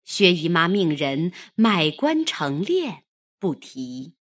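A woman narrating a classical novel in an unhurried, expressive way. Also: fairly low pitch.

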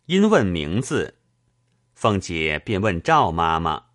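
A man narrating an audiobook of a classic novel in a measured, expressive way. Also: low voice, no echo.

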